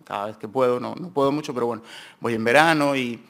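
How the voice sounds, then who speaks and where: Here a fast-talking man presents research at an academic conference, his mid-range voice gravelly and fairly bright with a Peninsular Spanish accent. The setting is a university seminar room, and his delivery is loose and rambling, full of self-corrections.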